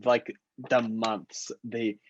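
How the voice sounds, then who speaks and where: A woman's voice: rumbling low, flat delivery, very slow. A young woman in her twenties co-hosting a podcast over a call, chiming in with playful, amazed questions. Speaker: podcast co-host. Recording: dull, dry call audio.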